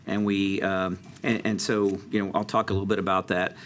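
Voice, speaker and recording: Low-voiced man presenting to a council. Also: little pitch movement, a little fast, a bit bright, a little hiss or hum. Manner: conversational, many fillers and restarts. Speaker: transit district presenter.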